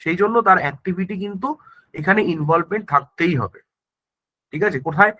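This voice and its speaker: A male teacher leads an exam-prep grammar lesson, explaining step by step and checking understanding with tag questions. He often corrects himself and restarts his words. His voice is high, brisk and bright with a forceful edge, and the highs are cut off in the audio.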